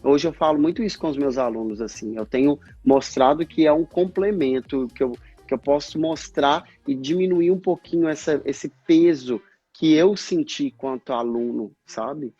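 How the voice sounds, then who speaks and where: Man, Brazilian Portuguese accent, husky voice, earnest explainer, dull lo-fi call audio. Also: fairly high pitch, normal speed, hardly any pauses, dark tone, no echo, soft background music. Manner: earnest, explanatory, acts out past dialogues. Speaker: speech therapist guest. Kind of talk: livestream interview talk.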